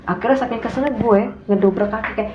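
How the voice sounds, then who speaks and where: A young Indonesian woman with a Jakarta slang accent talks fast in a mid-range voice, telling a story as a guest in casual conversation. She's animated and acts out quotes in a raised voice, recorded in an echoey room with dull sound and a faint hum.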